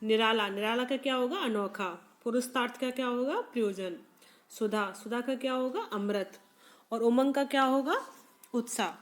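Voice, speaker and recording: Lady teacher going through a poem line by line, pretty high voice, keeps asking the kids what words mean then answers herself. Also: normal speed. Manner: asks students questions and answers them herself; repeats and rephrases lines with small restarts. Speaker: Hindi teacher. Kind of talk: poem explanation lesson for students.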